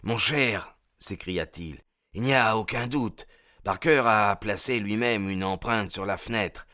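A man voicing an eager, excitable male police inspector with emphatic outbursts. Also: deep voice, a little slow, no echo, studio quality. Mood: excited.

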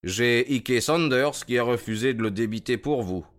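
A man playing a cool, ironic detective who needles his opponent calmly and methodically, in radio drama acting. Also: medium pitch, moderate pace, lightly acted. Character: cool, ironic, self-assured male detective.

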